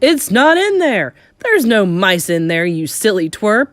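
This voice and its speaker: A woman voicing rowdy, bossy, scornful male kitchen workers, shouting orders in a storybook reading. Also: medium pitch, sing-song, unhurried, no room sound. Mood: mocking. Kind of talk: acted audiobook storytelling.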